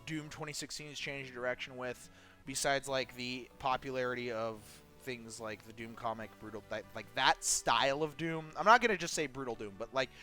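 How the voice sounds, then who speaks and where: Bright-voiced man chatting while gaming. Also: mid-range voice, normal speed, soft background music. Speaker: co-host playing a game. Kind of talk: casual chat while playing.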